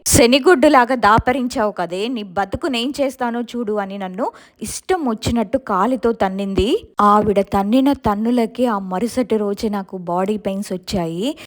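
A woman's voice: mid-range voice, darkish tone. A woman narrating a first-person ghost experience in an earnest, recounting way. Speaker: storyteller.

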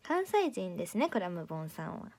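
A woman's voice: fairly low pitch, very animated, brisk, vocal fry, darkish tone. A teenage girl with a Kansai accent, an idol audition candidate chatting casually on a livestream, playfully teasing as she reads viewer comments. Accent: Kansai Japanese.

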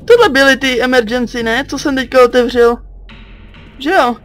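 Jumpy high-voiced Czech teen gamer. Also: male voice, a bit bright, faint music behind. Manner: jumpy, yelps and curses at enemies. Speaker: gaming channel host. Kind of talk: let's play commentary.

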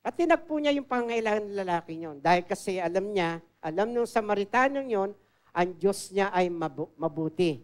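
A woman preaching a sermon as an assistant pastor. She tells stories in a conversational way, drops English phrases into her talk, and often moves between loud and soft. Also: medium pitch, expressive, a little fast. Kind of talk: storytelling sermon.

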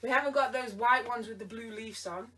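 Fairly quick and sharp-toned, a tired woman on the high side teases someone off camera in a playful try-on vlog. The bedroom camera is across the room, so her voice comes from a distance.

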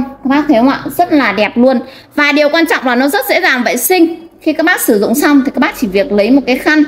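A high-voiced woman with a northern Vietnamese accent sells household goods online. She delivers a hard-sell demonstration, salesy throughout. She keeps addressing the buyers directly with polite little tags. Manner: salesy, repeatedly addressing customers with polite tag particles. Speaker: online shop seller.

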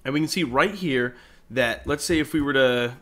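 A man with a medium-pitched, slightly bright voice narrates a video editing tutorial at a moderate pace. It's a casual screen recording, voiced over at a computer indoors, and his manner is informal and explanatory.

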